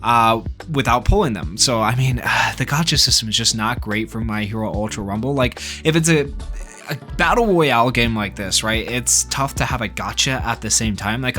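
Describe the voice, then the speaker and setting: A gaming YouTuber with a lowish voice that sounds pushed and bright rambles informally about a game off the cuff. Background music plays under his casual video commentary.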